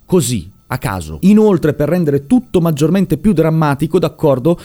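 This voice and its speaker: A man narrating a true crime case as a monologue, emphatic and animated, checking in with the listener and repeating words for stress. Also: fairly high pitch, normal speed, faint music behind.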